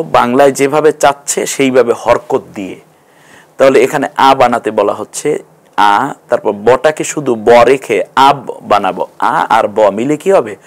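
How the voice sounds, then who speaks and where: Man teaching a tv reading class, calm and patient, drags out the sounds slow. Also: mid-range voice. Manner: slow, drawn-out syllable-by-syllable sounding out; patient, explanatory. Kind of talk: TV classroom lesson.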